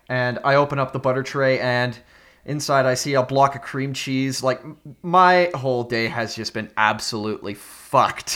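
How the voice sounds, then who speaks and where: A man's voice: mid-range voice, a bit bright. A tired man co-hosting a podcast, chatting casually with exasperated animation, recorded in a small, echoey spare room. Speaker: podcast co-host. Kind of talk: casual chat about games and daily life.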